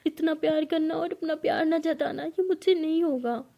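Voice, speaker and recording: A young woman in love begs tearfully for an answer, as a storyteller puts her on. The voice sits high and sounds mellow, pressing and emotional rather than loud. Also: moderate pace, creaky, muffled recording. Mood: pleading. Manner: begging, emotional.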